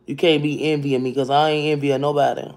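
Fast-talking and profane, a woman with a fairly deep voice runs a casual phone livestream indoors from her kitchen, reading out comments. She's blunt and lively, greets viewers by name, and her phone camera sits at arm's length.

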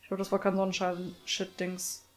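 A woman's voice: on the low side, completely flat delivery, normal speed. A woman giving casual, sarcastic commentary while playing a game, swearing and grumbling a lot. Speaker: let's play streamer.

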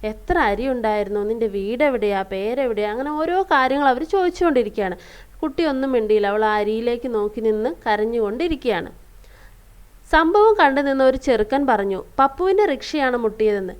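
Woman teacher, fairly high voice, reads and explains a story, rhetorical questions. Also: clear, resonant tone. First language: Malayalam. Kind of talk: reading and explaining a school lesson.

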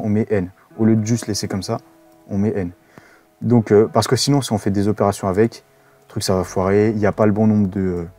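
A man's voice: fairly low pitch, mellow. Laid-back man teaching code. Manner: rambling, many fillers and self-corrections. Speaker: web development instructor. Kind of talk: casual screen-recorded coding tutorial.

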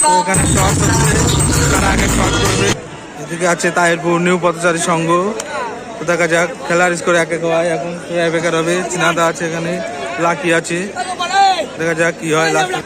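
Excited man commentating football over loud crowd. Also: fairly high pitch, normal speed. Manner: excited, repeats team and player names. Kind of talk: live football match commentary. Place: outdoor football ground. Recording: loud crowd and music behind.

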